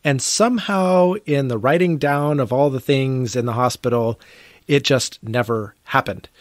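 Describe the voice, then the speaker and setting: A man's voice: medium pitch, measured pace, no echo, clean studio sound. A man co-hosting a podcast, talking in a reflective, earnest way and laughing easily. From Oregon. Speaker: podcast co-host. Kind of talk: casual phone conversation.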